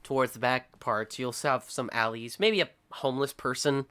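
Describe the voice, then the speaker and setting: A man's voice: mid-range voice, moderate pace, sharp tone, clean tone, dry recording. A young man narrating as game master of a tabletop game, talking casually with many fillers.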